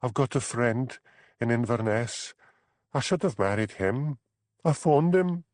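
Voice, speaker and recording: Animated and unhurried, a man with a darkish tone voices a character in an audiobook: a young crofter's wife, anxious, tearful and stuck in an unhappy marriage. The performance is lightly acted, pleading, plaintive and high-pitched. It's studio quality with no echo.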